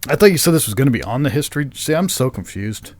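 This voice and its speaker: A man's voice: mid-range voice, animated, fast, no echo. Give me a man chatting loosely on a podcast, swearing and joking, with a dry, close sound. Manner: rambling, swears freely, laughs at himself. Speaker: podcast co-host. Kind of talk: casual podcast chat.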